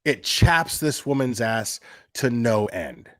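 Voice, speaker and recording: Speaking slowly in a mid-range, slightly bright voice with big pitch swings, this commentary stream host delivers profane, sarcastic reactions. He mocks, swears, and drives points home through emphatic repetition, and the clean studio recording carries no room sound.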